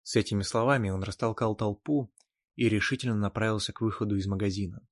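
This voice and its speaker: A man narrating an audiobook in a steady, even storytelling manner. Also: lowish voice, fast, no room sound. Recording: dry close studio sound.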